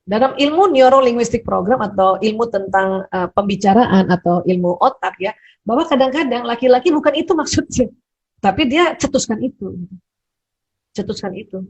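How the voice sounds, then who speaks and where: A woman speaker answering audience questions in a gentle, conversational advice talk, often repeating words and adding little tag words. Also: on the high side, lively intonation, normal speed, breathy edge, dull audio.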